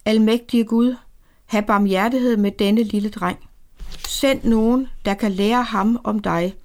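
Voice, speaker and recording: A woman voicing an anxious old grandfather who speaks softly and prays in a hushed, pleading way. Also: medium pitch, fairly even intonation, natural voice. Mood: pleading prayer. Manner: soft, hushed pleading prayer.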